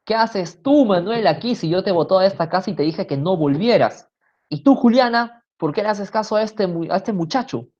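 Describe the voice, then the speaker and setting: Woman doing a loud scolding mom, high and yelling, muffled recording. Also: expressive, moderate pace, close to an everyday voice. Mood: furious shouting. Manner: shouting, scolding. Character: shrill angry mother, middle-aged woman.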